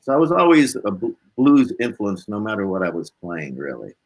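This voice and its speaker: Chatting loosely as an interview guest, a Canadian blues man rambles through his tales in a fairly low, sing-song voice at a moderate pace.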